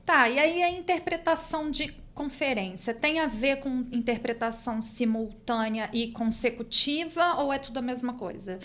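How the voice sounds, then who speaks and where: A Brazilian woman with a fairly high voice hosts a podcast interview in a studio. She asks questions and keeps the talk going with quick, engaged replies. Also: a bit bright. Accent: Brazilian Portuguese. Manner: engaged, with frequent short backchannels. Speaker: podcast host. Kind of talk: casual interview chat.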